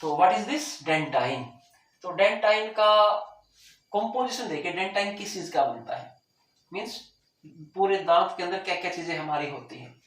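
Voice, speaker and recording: A man teaching a lesson, repeating key terms and asking the class whether it is clear, with a sore throat that keeps making him clear it. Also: sits high, lively intonation, a little slow, fairly bright tone. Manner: repeats key terms, asks rhetorical check questions. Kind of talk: classroom lecture. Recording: very echoey room, mic far off.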